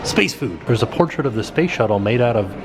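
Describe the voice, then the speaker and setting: A man's voice: medium pitch, lively intonation, fairly quick, noisy background. A man giving casual, off-the-cuff vlog commentary as he tours exhibits, pointing things out with mild amazement. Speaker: vlogger touring a museum. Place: indoor museum exhibit rooms. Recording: loud music behind the voice.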